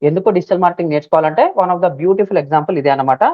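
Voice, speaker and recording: Loud, emphatic woman trainer, Telugu accent. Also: on the low side, fast, dry recording. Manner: loud, emphatic, repeats key phrases; spells words out letter by letter. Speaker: digital marketing trainer. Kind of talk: live online class, Telugu-English mix. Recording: dull, dry lo-fi stream audio.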